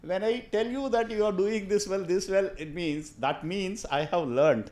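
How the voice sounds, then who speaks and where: A fairly high-voiced man with a Tamil Indian accent speaks quickly as an interview guest. He tells stories in an earnest, emphatic way, repeating key phrases. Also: a little mellow. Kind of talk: conversational interview, storytelling.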